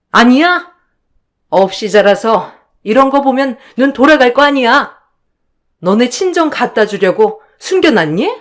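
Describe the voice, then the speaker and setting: A haughty sister-in-law who hurls accusations in a voice pitched well above the narrator's own, loud and sharp-edged, as a woman reader puts her on. She sneers and barks rather than talks, and she never lets up. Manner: sharp, scornful and shouting. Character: shrill, arrogant sister-in-law accusing of theft.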